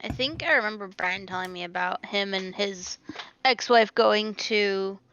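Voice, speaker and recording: A woman's voice: mid-range voice, measured pace, pushed and bright, dry recording, highs cut off. A woman chatting bluntly as a guest on a casual podcast. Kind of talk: casual chat.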